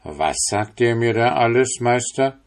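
A man's voice: medium pitch, animated, measured pace, pitched above the performer's own voice. A man voicing a stern, zealous older priest in a storybook reading, declaiming urgent warnings in a preaching manner.

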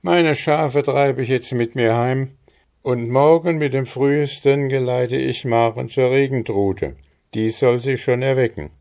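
A man's voice: mid-range voice, a little slow, a little mellow, voice pushed up, natural voice. A man voicing an honest but shrewd young peasant lad, talking plainly while playing the simpleton, in an audiobook. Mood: content. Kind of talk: audiobook character voice.

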